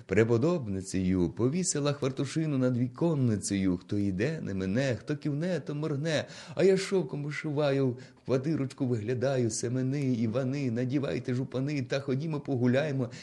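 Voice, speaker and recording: A man's voice: mid-range voice, normal speed, few pauses, dark tone, voice pushed up, natural voice. A man voicing a blind old minstrel who chants a rhythmic, bawdy folk dance song. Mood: jaunty.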